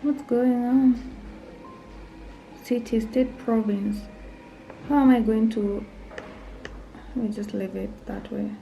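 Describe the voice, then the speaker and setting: A woman's voice: medium pitch, steady tone, a little slow, vocal fry, long pauses, dark tone, faint music behind, poor audio. A young woman vlogging casually, thinking aloud, nervous and often dropping to a whisper. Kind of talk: casual vlog narration.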